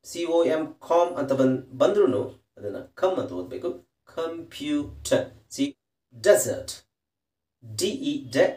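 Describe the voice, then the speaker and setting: A man teaching English pronunciation, spelling each word letter by letter and explaining in a calm, patient way. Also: mid-range voice. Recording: roomy echo, distant from the mic.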